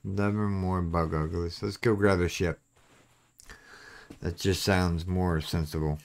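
A gaming channel host chats to his viewers in a relaxed way as he plays, something clogging his throat. His voice sits low and gravelly, with a steady tone and measured pace.

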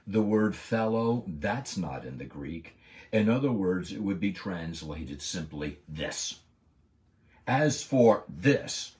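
A man giving a Bible lesson as a sermon, preaching emphatically and slowing down hard on key words. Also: low-pitched, a little mellow. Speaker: Bible teacher. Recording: voice a bit far from the mic.

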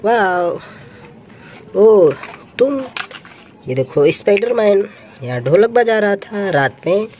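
A woman's voice: medium pitch, very animated, takes it slowly, long pauses, darkish tone, dull audio, slight background noise. A woman narrating toy play for children, exclaiming over the toys and coaxing them like little kids.

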